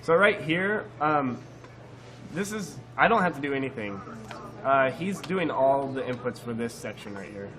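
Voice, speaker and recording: A man's voice: mid-range voice, expressive, moderate pace, fairly bright tone. A man speedrunning a game with a partner and chatting through it in a loose, rambling way. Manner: casual, rambling with fillers and restarts. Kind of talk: live co-op speedrun commentary. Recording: live event with crowd behind.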